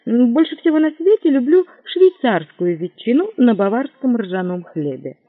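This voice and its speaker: A man voicing a flustered, hapless young gentleman who talks eagerly and stammers when pressed. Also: extremely high pitch, sing-song, moderate pace, husky, dry recording, pitched above the performer's own voice, heavily acted. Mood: hopeful. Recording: dry, tinny narrow-band audio.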